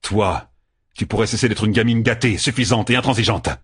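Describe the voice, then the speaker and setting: A man voicing a stubborn, resolute young male hero in an audiobook, making firm, measured declarations in a husky voice. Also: lowish voice, dry recording, studio quality.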